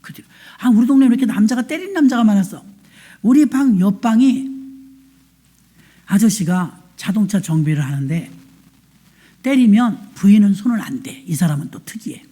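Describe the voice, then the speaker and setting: A woman pastor delivers a sermon as a lively, colloquial story. She acts out the voices of the people in it. Her voice is slightly husky, and her pitch swings widely. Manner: animated storytelling, acting out quoted voices; plain-spoken, colloquial. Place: church.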